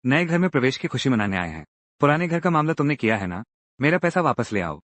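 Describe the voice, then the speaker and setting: Male recap narrator, mid-pitched and very lively, dry close sound, acts out all the parts. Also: quick pace, no echo. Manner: lively, acts out each character's lines in turn. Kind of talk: dramatic Hindi recap narration voicing every character.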